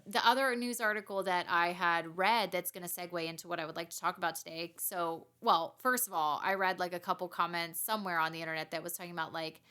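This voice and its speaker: Bright-voiced chatty woman host. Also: on the low side, fairly even intonation, quick pace, few pauses, clean tone. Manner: chatty and self-mocking, laughs often. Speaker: podcast host. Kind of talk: casual chat.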